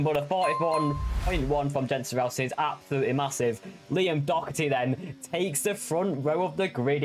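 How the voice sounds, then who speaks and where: A man commentating live on an online motor race in an excitable, effusive way. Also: on the high side.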